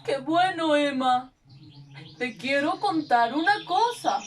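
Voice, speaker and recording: A woman's voice: sits high, lively intonation, slow. A woman with a Peruvian accent voicing a kind, cheerful male pet in a children's puppet show, reassuring and patiently explaining. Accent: Peruvian Spanish. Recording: voice from a distance off the mic.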